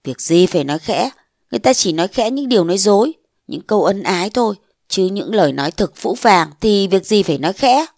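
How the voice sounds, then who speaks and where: A woman voicing a bold, scheming young wife of a mandarin, defiant and sharp-tongued, in a storybook reading. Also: medium pitch, animated, fairly quick, creaky, no echo, studio quality. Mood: scornful.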